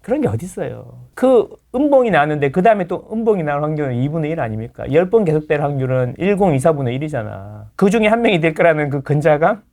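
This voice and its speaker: A man who is a real estate lecturer, talking as a guest in a casual interview, lecturing with playful impressions of others and quick tag questions. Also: on the high side, sing-song, darkish tone. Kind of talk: casual talk-show interview.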